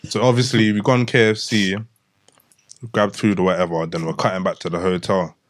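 A man's voice: sits low, little pitch movement, fairly quick. A young man with a London roadman accent, telling a story casually among friends in heavy slang and tagging sentences with innit. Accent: London roadman, multicultural London English. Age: young adult.

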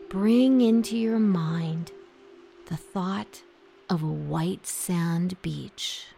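A woman guiding a relaxation meditation in a soft, soothing voice that drops into a half-whisper. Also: lowish voice, very slow, vocal fry, slight background noise. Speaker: meditation guide. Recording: soft music behind the voice.

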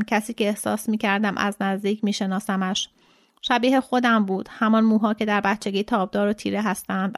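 A woman reads a literary novel in a calm, measured narration. Her voice sits at a middle pitch. The recording is dry and close, with no room sound. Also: dry recording. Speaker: translator and reader.

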